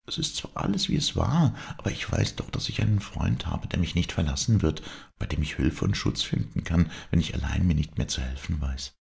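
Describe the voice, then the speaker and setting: A man with a deep voice voicing a tender, sorrowful young woman in an audiobook, speaking softly and pleadingly. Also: gravelly, full character voice. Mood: earnest.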